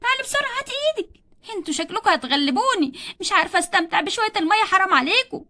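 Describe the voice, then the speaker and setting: A woman's voice: very high voice, animated, pushed and bright, full character voice. A woman with an Egyptian Arabic accent voicing a bossy, stubborn young doll mother in a toy role-play story. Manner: scolding, quick-tempered.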